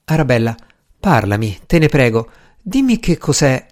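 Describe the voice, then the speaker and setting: A man voices a formal old-fashioned gentleman from an audiobook, polite on the surface and strained underneath. The tone stays measured and clipped, a touch lower than the narration. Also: very animated, lightly acted. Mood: pleading.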